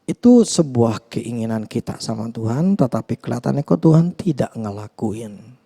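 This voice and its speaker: Male pastor, earnest and confessional, mid-pitched mellow voice, chatty sermon delivery. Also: animated, normal speed, slightly rough. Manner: conversational, hesitant with many fillers and restarts.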